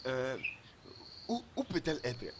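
A man's voice: mid-range voice, very animated, measured pace, heavy background noise. An actor voicing a young disguised king in a French film dub, hesitant and defensive, repeating himself.

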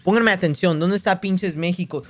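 A man's voice: high voice, animated, measured pace, fairly bright tone, soft background music. A young man with a Mexican accent, livestreaming a game in a boastful, joking way, swearing constantly. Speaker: streamer. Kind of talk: casual gaming livestream.

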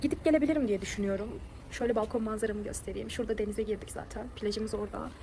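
A woman vlogging about a trip, telling a mishap story in a lively way and acting out what people said. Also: mid-range voice, rapid-fire, a little hiss or hum. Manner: animated, tells a mishap story with quoted dialogue. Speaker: travel vlogger. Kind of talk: casual travel vlog storytelling.

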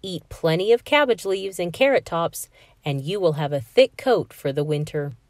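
A woman voicing a motherly female rabbit in a children's storybook read-aloud, speaking gently as she gives advice. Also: on the low side, animated, moderate pace, dry recording, clean studio sound. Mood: advising.

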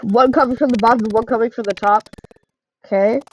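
Excitable young woman narrating gameplay. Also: on the high side, brisk, slight background noise, rough recording. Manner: excitable, rambling, laughs often. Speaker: gaming channel host. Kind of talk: casual gameplay commentary.

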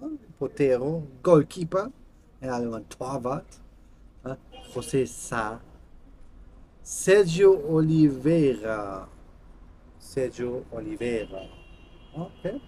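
A man in his thirties, a native German speaker with a German accent, chatting casually in halting, simple non-native Spanish as a vlog host. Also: mid-range voice, expressive, dark tone, a little hiss or hum. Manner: halting, simple broken phrasing. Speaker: host of a card-opening channel. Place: small room indoors.

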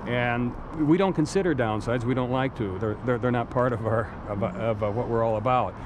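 On a waterfront pier, a middle-aged man gives blunt, emphatic business advice in an outdoor interview, repeating words for effect. His voice sits in the mid range and moves at normal speed, with traffic noise audible behind him.

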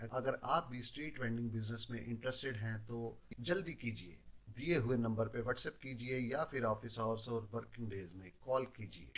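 Gravelly man pitching food carts. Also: a bit bright, low-quality recording. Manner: persuasive, addresses viewers as friends. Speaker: host and food cart maker. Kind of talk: promotional voice-over narration.

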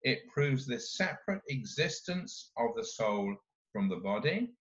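Slow, deliberate male lay preacher. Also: mid-range voice, sing-song, fairly bright tone, lo-fi sound. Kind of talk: sermon.

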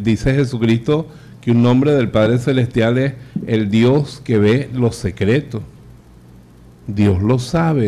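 A man's voice: medium pitch, dark tone. A man, a priest giving a live sermon, telling jokes and acting out the characters. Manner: acts out joke characters with voice changes. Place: church or chapel hall, live audience. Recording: live radio broadcast, faint noise.

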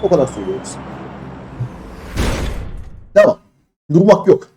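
A man in his thirties from Turkey, streaming a mobile game and complaining in exasperation as he opens crates, jumping between loud high outbursts and low mutters. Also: huge pitch swings, moderate pace, a little hiss or hum. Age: 30s. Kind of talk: live-stream crate-opening commentary.

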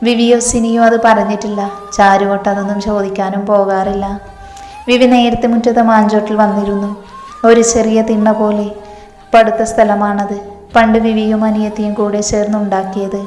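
A woman reading a romance story aloud, calm and even, voicing the quoted lines in her own voice. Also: medium pitch. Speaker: story narrator. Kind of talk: scripted narration of a romance story. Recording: roomy reverberant room with soft background music.

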